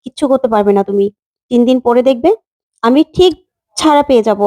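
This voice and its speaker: A woman's voice: fairly high pitch, brisk, no echo, close to an everyday voice. Woman voicing Sanjukta, a taunting rich villainess. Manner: taunting, raised and sharp.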